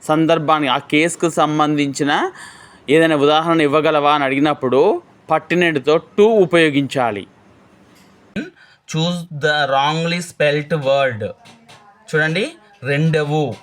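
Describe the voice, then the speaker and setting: A man teaching exam English questions, reading each question slowly and then explaining it quickly. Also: fairly high pitch, a bit bright, faint music behind.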